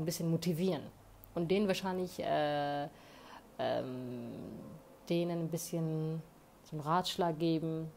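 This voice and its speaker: A woman's voice: sits low, a little mellow, slight background noise. A woman talking straight to her phone camera in a room, giving earnest, emphatic motivational advice and often checking in with tag questions. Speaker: advice vlogger. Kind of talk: motivational monologue. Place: indoor room.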